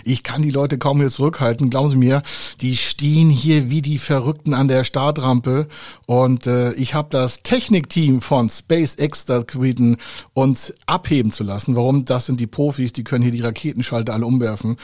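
Mellow man hosting a podcast. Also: medium pitch, fairly even intonation, normal speed, no echo, clean studio sound. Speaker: podcast host, funding consultant. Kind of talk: informal podcast monologue to listeners.

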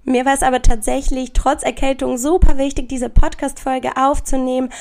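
A woman hosting a podcast, chatting effusively and directly to the listener, her voice raspy, sniffly and stuffed up from a heavy cold. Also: high voice, level tone, normal speed, a little mellow. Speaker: podcast host. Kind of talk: casual solo podcast talk addressed to the listener.

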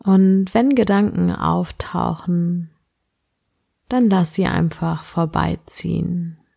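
Slow, creaky-voiced woman guiding sleep meditation. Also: lowish voice, fairly even intonation, dry recording, clean studio sound. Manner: gentle, unhurried, with long phrases drawn out. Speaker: podcast host and meditation guide.

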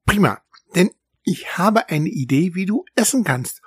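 A man's voice: lively intonation, measured pace, slightly rough, no echo, studio quality, heavily acted. A man voicing a small, cheeky and clever male mouse in a children's story, raising his voice to sound small and impish. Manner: giggly, cheeky, higher storybook voice.

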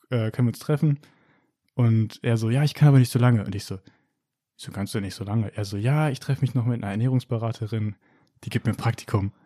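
A young man recounts a personal story in relaxed, slangy talk. His voice is mellow and sits in an ordinary middle register. He acts out the voices of the people in his story and laughs often. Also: medium pitch. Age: young adult. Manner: animated storytelling, acting out quoted lines. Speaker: guest telling a personal story. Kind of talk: casual chat.

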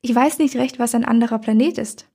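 A gentle, bewildered giant from a storybook, slow and unsure of himself, as a woman reads his lines. The voice is husky and mellow. He answers questions hesitantly, as if he does not quite understand them. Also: fairly high pitch. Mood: puzzled. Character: gentle giant man, puzzled and polite.

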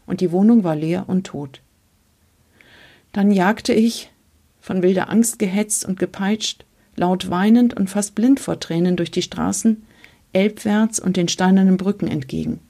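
Gravelly, husky woman reading aloud. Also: mid-range voice, unhurried, mellow. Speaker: reader. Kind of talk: literary reading of a memoir.

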